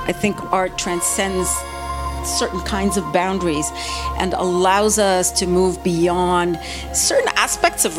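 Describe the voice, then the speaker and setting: A middle-aged Lebanese woman, a professor and artist, speaks reflectively as an interview guest in a lowish voice. She often repeats words while searching for the right phrasing.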